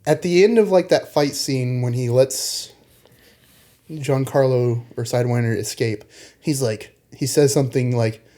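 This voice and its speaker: A man's voice: medium pitch, warm tone. A young adult man co-hosting a podcast, wryly picking at a movie and mimicking its lines. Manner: wry, quick to mock with put-on voices. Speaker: podcast co-host. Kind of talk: casual movie discussion.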